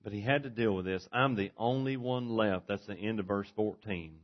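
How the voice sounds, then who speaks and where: A man's voice: fairly low pitch, moderate pace. Earnest male preacher, lo-fi sound. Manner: earnest, varies volume widely, from forceful to hushed. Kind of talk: sermon. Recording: dull lo-fi recording.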